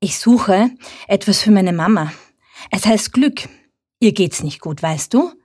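A woman's voice: medium pitch, a little slow, mellow, pitched above the performer's own voice, natural voice. A woman voicing a small, earnest young fox who pleads for help in a storybook. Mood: pleading. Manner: eager, pleading. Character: earnest little boy fox searching.

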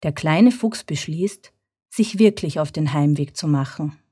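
A woman narrating a children's bedtime story in a calm, measured way. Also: low voice, husky, no room sound, studio quality.

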